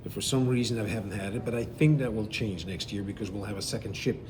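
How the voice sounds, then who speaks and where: A middle-aged man from Belgium, a cruise director, answering interview questions in a relaxed, explanatory way with frequent fillers. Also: lowish voice, fast talker, noisy background. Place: aboard a river cruise ship.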